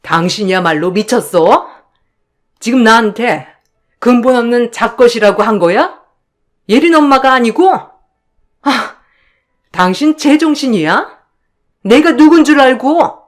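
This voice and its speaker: A woman voicing a scornful middle-aged sister-in-law who shouts accusations. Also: fairly high pitch, animated, a little slow, pauses often, voice pushed up. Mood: indignant.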